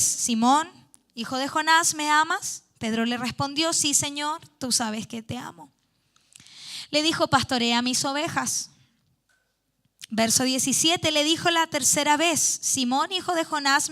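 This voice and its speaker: A woman's voice: high voice, a bit bright. A woman preaching a youth sermon in church, reading scripture aloud and explaining it earnestly. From Chile.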